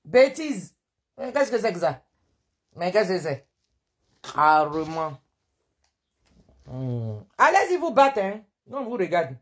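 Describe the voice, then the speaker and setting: A woman's voice: lowish voice, sing-song, slow pace, pauses often. A woman with an Ivorian French accent hosts a live stream, scolding indignantly and hammering the same rhetorical questions. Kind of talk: live-stream political rant.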